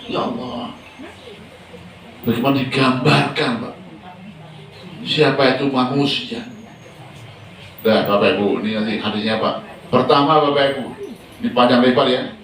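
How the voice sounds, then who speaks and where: A man's voice: medium pitch, a bit bright. Male preacher, casual question-and-answer sermon style, off-mic in an echoey room. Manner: chatty, asks the congregation many questions. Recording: echoey hall from a distance.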